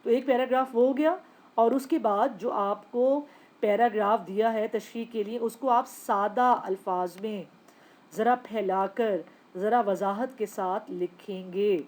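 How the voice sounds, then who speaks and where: A woman's voice: medium pitch, darkish tone. A woman teaching a recorded Urdu class, explaining step by step and answering her own questions, with a Pakistani Urdu accent. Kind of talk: recorded lecture.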